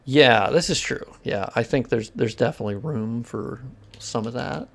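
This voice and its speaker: A man's voice: mid-range voice, moderate pace, gravelly. A man streaming gameplay live, talking casually with his viewers, swearing freely and explaining technical details between reactions. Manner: casual and profane, chatting with viewers while playing. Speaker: game streamer.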